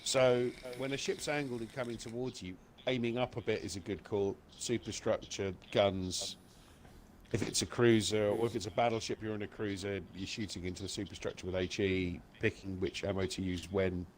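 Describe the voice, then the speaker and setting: A man's voice: fairly low pitch, fairly even intonation, normal speed, a little hiss or hum. A man chatting casually and playfully on a gaming livestream, explaining tactics and joking with viewers. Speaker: live streamer and gaming community host. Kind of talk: casual chat and game advice on a livestream.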